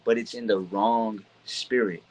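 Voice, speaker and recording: A man's voice: on the low side, steady tone, darkish tone, a little hiss or hum, rough recording. Man teaching scripture in casual talk. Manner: teaching, often checks in with "right?"; reads scripture aloud slowly. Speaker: podcast host leading a scripture study. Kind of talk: casual religious discussion.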